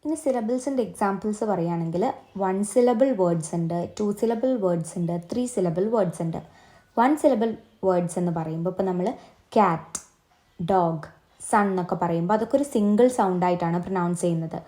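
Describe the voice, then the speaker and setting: A woman's voice: on the low side, fast, mellow. A woman with a Malayali accent giving a step-by-step exam-prep lesson, asking viewers to try along. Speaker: English teacher.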